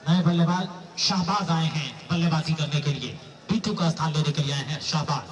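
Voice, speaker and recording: A man giving excited, animated cricket commentary over an outdoor public address, with flowery, drawn-out play-by-play calls. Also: on the high side. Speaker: cricket match commentator and announcer. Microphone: public address microphone. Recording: echoey PA, distant, noisy outdoor crowd.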